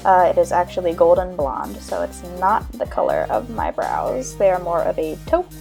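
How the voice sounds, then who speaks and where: A woman's voice: lowish voice, very animated, moderate pace, creaky, a little mellow. A young woman narrating a casual makeup tutorial in a chatty, wry, self-deprecating way, sounding a little tired and hungover. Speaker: makeup vlogger. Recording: background music under voice-over. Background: music.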